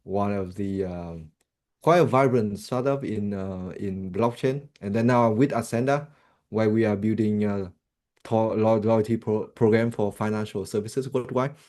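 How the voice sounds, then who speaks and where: A man in his thirties with a Vietnamese accent talks as a podcast guest. His voice is warm and mellow, and he often breaks off mid-phrase to restart. The speech is casual and unhurried. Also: on the low side. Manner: hesitant, many restarts and fillers. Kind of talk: casual interview chat.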